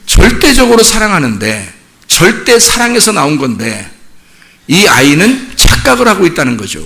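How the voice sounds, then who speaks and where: A male pastor preaches with a bright, ringing voice that sits a little high for a man. His delivery is conversational and lively, jumping up and down in pitch as he chuckles and acts out small exchanges. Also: vocal fry. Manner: conversational, animated, acts out dialogue, laughs often. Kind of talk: sermon.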